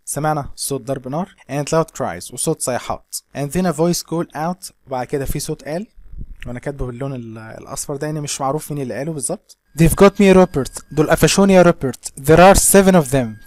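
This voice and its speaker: Male teacher with an Egyptian accent; slow English reading, quick Arabic glosses, dry and close. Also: medium pitch, a little mellow, no echo. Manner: reads English slowly, then explains quickly in Arabic. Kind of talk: reading an English novel aloud and explaining it in Arabic.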